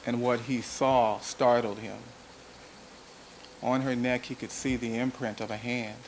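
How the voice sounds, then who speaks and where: A man delivering a courtroom opening statement to a jury, speaking in a measured, deliberate way and repeating key phrases for emphasis. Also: mid-range voice, steady tone. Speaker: trial prosecutor. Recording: noisy archival courtroom audio.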